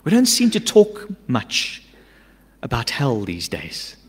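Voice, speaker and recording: A middle-aged man preaching a sermon from a church stage into a stand mic, emphatic, swinging between urgent loud lines and hushed asides. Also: medium pitch, wildly swooping pitch, takes it slowly, slightly rough. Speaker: pastor. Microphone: stand mic at a pulpit. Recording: long church-hall reverb.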